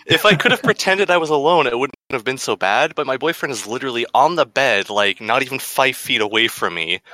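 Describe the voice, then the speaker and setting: A man's voice: mid-range voice, expressive, brisk, pushed and bright, no room sound. A man co-hosting a casual chat from his bedroom, joking at his own expense and swearing freely. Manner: self-mocking, swears freely. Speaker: podcast co-host. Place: bedroom at home.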